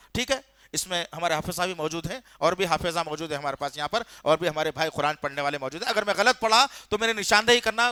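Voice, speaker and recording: Preaching with fervent indignation, a man tells a story and questions his congregation directly. His voice sits high and sounds pushed and bright, recorded dry with clean studio sound.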